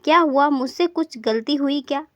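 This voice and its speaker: A woman gives voice to a gentle young daughter-in-law, soft-spoken and patient, in a high voice. The recording is dry and slightly muffled. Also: moderate pace, dry recording, natural voice. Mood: worried. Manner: soft, pleading.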